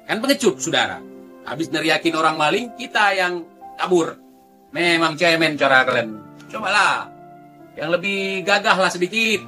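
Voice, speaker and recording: A man delivers taunting commentary in a sharp, bright voice that sits a little above the usual male range. He sounds scornful and jeering, speaking straight to the people he criticizes. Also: on the high side, lively intonation, moderate pace, soft background music. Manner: scornful, taunting, addresses listeners directly. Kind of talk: mocking commentary.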